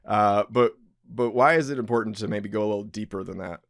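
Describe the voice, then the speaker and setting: A man's voice: lowish voice, fairly quick, dry recording. Upbeat male podcast host, dry sound. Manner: upbeat, filler-heavy, trailing off at phrase ends. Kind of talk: conversational podcast interview.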